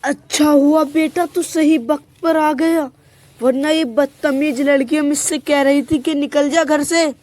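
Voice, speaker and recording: Woman playing a shouting old mother-in-law. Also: sits high, fairly even intonation, measured pace, no room sound. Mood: complaining. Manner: loud, nagging, scolding. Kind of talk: comedy skit acting.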